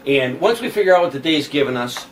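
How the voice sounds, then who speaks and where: A man's voice: medium pitch, lively intonation, quick pace. A man hosting a fishing show, chatting casually and explaining step by step while he shows lures. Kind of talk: casual chat. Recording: picked up from a distance, faint background noise.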